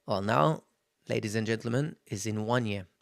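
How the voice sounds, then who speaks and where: This is a thirties-aged man hosting a podcast, his voice lowish with vocal fry and his pace normal. It's a laid-back motivational monologue in which he speaks frankly, swears without holding back and addresses the audience as guys.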